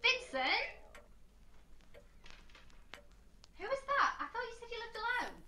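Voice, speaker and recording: A woman's voice: extremely high pitch, very animated, fast, noisy background. An actress playing a naive young woman obsessed with vampires, eager and breathless. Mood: frightened. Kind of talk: horror game acting.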